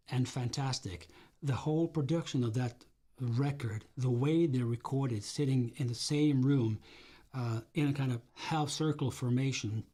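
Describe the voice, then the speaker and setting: A man in his fifties from Sweden hosts a relaxed livestream, wandering through memories of records and studio work. His voice is warm and dark, with nothing bright in it. He breaks into little mouth sounds to show a groove. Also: mid-range voice. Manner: rambling, hums rhythms with mouth sounds. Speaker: livestream host and music producer. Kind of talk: casual livestream chat about music.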